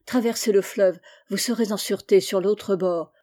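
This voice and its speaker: A woman's voice: medium pitch, fairly even intonation, moderate pace, mellow, lightly acted. A woman reading the part of an army captain, stern but kindly, urging a friend to flee. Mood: urgent.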